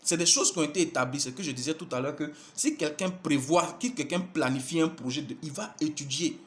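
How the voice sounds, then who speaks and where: A man's voice: on the high side, fairly quick. A man delivering an impassioned, exhortative monologue, repeating phrases and calling his listeners brothers. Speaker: preacher addressing followers.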